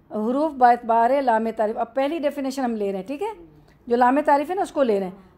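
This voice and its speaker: A woman with an Urdu accent teaches a classroom grammar lesson in a slightly raised pitch. She moves step by step through the material. She often asks a question and then answers it herself. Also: dark tone.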